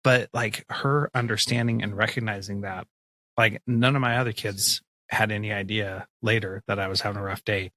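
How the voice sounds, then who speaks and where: A middle-aged man hosting a podcast interview, talking in an earnest, expressive way. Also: fairly low pitch, normal speed, dry recording, poor audio. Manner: earnest, expressive, animated when telling stories. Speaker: podcast host, school principal. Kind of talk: conversational interview.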